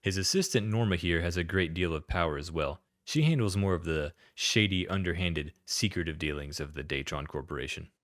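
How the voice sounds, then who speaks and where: A man's voice: deep voice, animated, fairly quick, hardly any pauses, fairly bright tone, no room sound. A man narrating a scripted video-game retrospective, with dry, sardonic asides.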